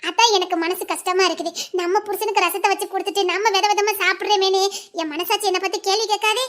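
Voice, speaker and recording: High-pitched playful wife, coaxing. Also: female voice, steady tone, quick pace, a bit bright. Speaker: wife in a village family drama. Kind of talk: colloquial Tamil family drama acting.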